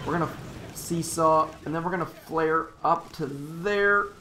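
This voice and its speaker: A man's voice: fairly high pitch, a little slow, sharp tone, slight background noise. A man live-streaming a strategy game, giving casual, upbeat, rambling commentary, correcting himself and cheering on his troops aloud.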